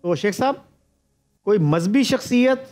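A man's voice: sits high, animated, measured pace, darkish tone, faint music behind. An older man on a TV quiz panel, thinking aloud over clues and slipping English phrases into his talk. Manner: thoughtful, mixes in English phrases. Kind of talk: TV quiz banter. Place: TV studio set, indoors.

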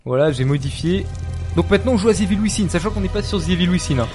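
A man streaming a horror game live, talking casually, excitable and jumpy, swearing and laughing often. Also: high-pitched, racing, faint music behind. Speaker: streamer playing horror games.

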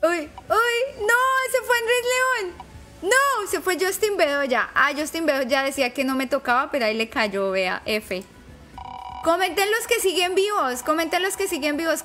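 A woman streaming live to her chat, commentary full of excitable, nervous exclamations. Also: high-pitched, moderate pace, faint music behind.

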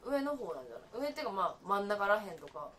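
A woman's voice: mid-range voice, very animated, very fast, fairly bright tone, a little hiss or hum. A young woman chatting casually as a game streamer, teasing her partner and giving her hints. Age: young adult. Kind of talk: casual live gameplay chat. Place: indoor room, seated beside co-player.

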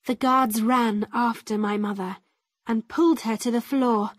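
A woman narrating an easy-level story in the first person, reading slowly and carefully. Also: on the high side, fairly even intonation, dry recording, clean studio sound. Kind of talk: slow graded-reader story narration.

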